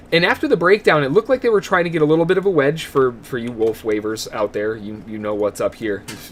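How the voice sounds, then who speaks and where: A man's voice: medium pitch, a little hiss or hum. A man giving live day trading commentary, chatty and laughing often as he greets viewers in the chat.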